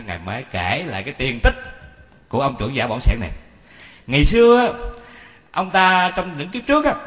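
Preacher in an echoing hall. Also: male voice, medium pitch. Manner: lively, asks the audience questions. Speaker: Buddhist preacher. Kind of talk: storytelling sermon. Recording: echoey hall with long reverb.

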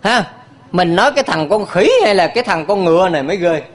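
A man's voice: sits high, expressive, quick pace. A man, a Buddhist monk, preaching to a hall of followers in a playful way, laughing often and quizzing the audience. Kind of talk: sermon.

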